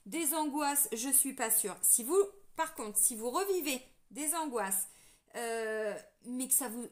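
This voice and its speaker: Middle-aged woman from france, high voice, chatty tarot-style guidance, lots of euh and restarts. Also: animated, takes it slowly. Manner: chatty, addresses viewers directly, many fillers and restarts. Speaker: tarot reader giving a spiritual guidance. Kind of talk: casual spoken guidance to viewers.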